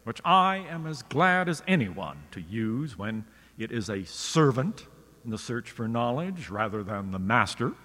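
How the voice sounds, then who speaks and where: A man's voice: medium pitch, fairly bright tone, big-room sound. A man, a writer, giving a scripted radio lecture in a wry, literary storytelling manner.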